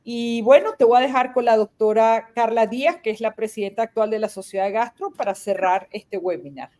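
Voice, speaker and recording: A woman's voice: a little high, fairly quick, warm tone. A woman moderating a medical webinar, thanking the guest with many fillers. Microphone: video call.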